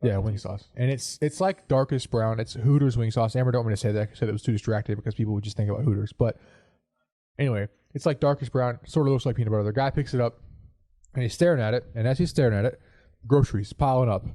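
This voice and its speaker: A mellow podcast host, congested from a cold, engages in casual chat and anecdote storytelling from a home studio in a living room corner. His voice is mid-range, and there's no echo.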